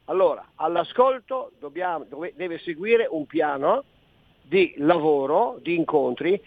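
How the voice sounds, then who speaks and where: A man's voice: fairly high pitch, dry recording. An older man from northeastern Italy calling in to a radio show over a phone line, talking emphatically and insistently with frequent restarts. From Friuli Venezia Giulia, Italy. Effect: heard over a phone line. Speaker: caller. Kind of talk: call-in talk radio. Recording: tinny dry phone line.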